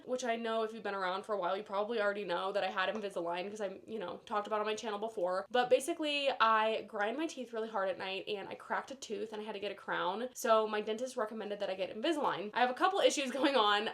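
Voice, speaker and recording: A beauty vlogger chats casually to the camera while doing her makeup, rambling with lots of "like" and "you know." Her fairly high, fairly bright voice sounds slightly nasal and stuffed up from a cold.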